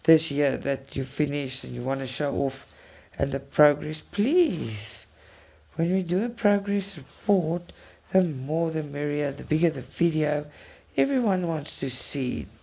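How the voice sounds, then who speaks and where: Chatting with her live audience, this Afrikaans-speaking South African woman who hosts a cross-stitch channel has a low, mellow voice with a creaky, breathy edge and lively intonation. She talks at a measured pace, effusive and chatty, repeating words.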